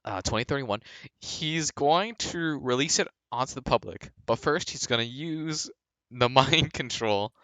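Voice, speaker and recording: A young man co-hosts a casual podcast, rambling through jokey conspiracy theories and stories. His medium-pitched voice is a little slow, pushed and bright, on a dry recording.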